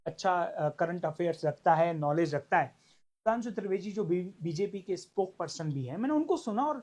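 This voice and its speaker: A man teaching an online law class, animated, acting out small dialogues and stretching key words for emphasis. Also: high-pitched, moderate pace. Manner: animated, acts out little dialogues. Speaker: law lecturer for exam prep.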